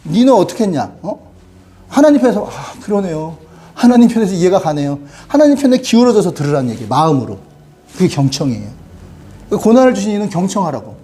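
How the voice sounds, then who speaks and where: A man's voice: sits high, very animated, quick pace, mellow. A man preaching a youth service sermon as an education pastor, dramatic, with acted-out quotes and rhetorical questions.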